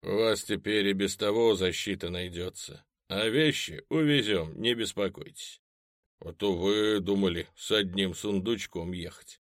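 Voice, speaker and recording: A man playing a gruff, commanding army captain who barks brusque orders. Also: low-pitched, measured pace, a bit bright, no echo, studio quality. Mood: stern.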